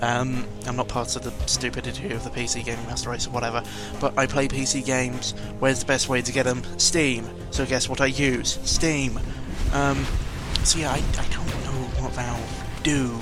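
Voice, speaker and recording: Loud music sits behind this man's medium-pitched voice, which barely moves in pitch as he talks at a normal speed with few pauses. A gaming vlogger, he rambles casually and hesitantly in an audio log, grumbling out blunt opinions with mild swearing.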